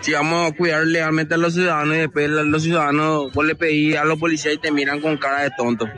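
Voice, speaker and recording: A man's voice: fairly high pitch, little pitch movement, quick pace, sharp tone, soft background music. A man with a Paraguayan Spanish accent, a football fan stopped outdoors by a stadium, complaining indignantly and rambling into a reporter's microphone.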